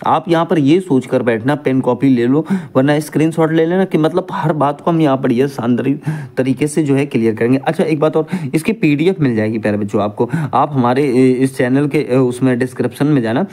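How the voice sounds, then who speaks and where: A male teacher running an exam-prep grammar class. He repeats each point back as a question to his students and calls them dear children. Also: brisk. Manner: lively, pitch swings up and down.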